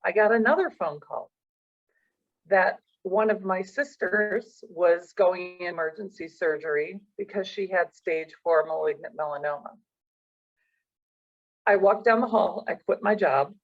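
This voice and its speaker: A woman's voice: lowish voice, measured pace. A middle-aged woman, a professional coach, earnestly tells a personal story in an interview, acting out the dialogue she recalls. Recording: dull lo-fi sound.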